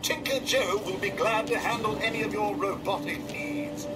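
A man voicing an overly polite demonstration robot through a robotic filter, with smooth, sing-song announcements. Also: high voice, expressive, moderate pace. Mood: chirpy servile. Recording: game audio, distant, loud music behind.

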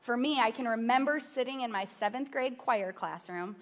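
Woman pastor on a big church stage, higher voice, chatty sermon full of little stories. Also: normal speed. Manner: conversational storytelling with asides to the audience.

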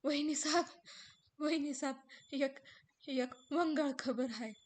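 A woman's voice: high-pitched, takes it slowly, voice pushed up. Woman doing a stammering, sobbing servant man. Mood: distraught. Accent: rural Marathi dialect. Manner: stammering, breaking into sobs. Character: distraught male servant bringing terrible news.

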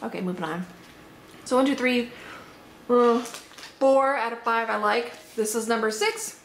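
Chatty and cheerful, this woman unboxing vlogger tastes snacks in a casual product review, musing out loud as she goes at a measured pace. Her higher voice carries a slight hoarseness, and the recording has roomy echo plus faint noise behind her.

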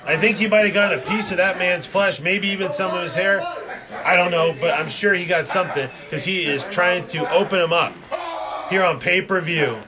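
A man doing excited live wrestling play-by-play as a commentator, in a slangy, exclamatory way. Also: high voice, a little fast, crowd noise.

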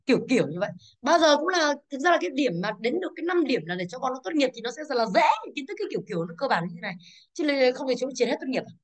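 A woman teacher with a fairly high voice walks a class through exam answers at a brisk clip. She stresses each English word and keeps checking that the students follow. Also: very animated.

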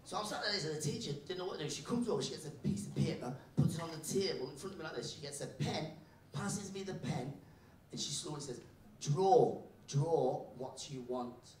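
A man performing live stand-up comedy, telling stories and acting out the people in them. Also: quick pace. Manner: animated storytelling, acting out characters. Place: live comedy venue with audience. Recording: roomy venue, mic picked up from a distance, faint rumble.

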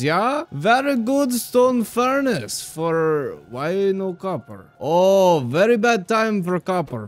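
A man's voice: high voice, voice pushed up, exaggerated voice. A man putting on a mock Russian accent and broken English as a boastful gamer who repeats himself. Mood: scheming, then alarmed. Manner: broken English, repeats phrases, brags and blusters.

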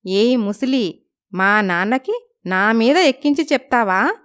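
A woman's voice: fairly high pitch, lively intonation, a little slow, fairly bright tone, clear, resonant tone. A woman voicing a cheeky, feisty young woman in a storybook, talking back with sass. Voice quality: cheeky, sassy. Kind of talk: storybook narration.

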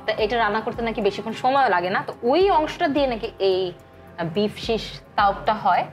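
A fairly high-pitched, lively voice moves along fairly quickly over soft background music. It belongs to a food vlogger with a Bangladeshi Bengali accent giving a casual restaurant review to camera, chatty and mixing in English words.

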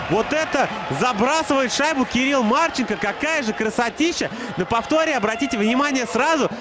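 A man calls ice hockey in a high-pitched voice. His delivery is excited and exclamatory, with phrases repeated. Arena noise sits clearly behind him. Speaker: hockey commentator. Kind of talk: excited live sports commentary. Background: ice arena ambience.

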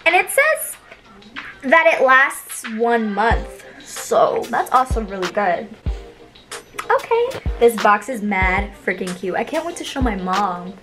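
A young woman vlogger chatting casually through an unboxing, bubbly and gushing with excitement. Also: fairly high pitch, slow pace, over music. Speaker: beauty vlogger.

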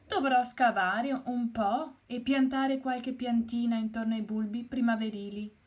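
A woman's voice: on the high side, fairly even intonation, unhurried, voice pushed up, lightly acted. A woman doing a cheerful curious hen. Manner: bright, wondering exclamations.

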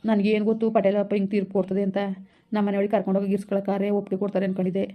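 A woman playing a gentle young village husband who keeps coaxing his pregnant wife. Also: mid-range voice, monotone, very fast, dull audio, close to an everyday voice. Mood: soothing. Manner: soothing, repetitive coaxing. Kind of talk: village skit acting.

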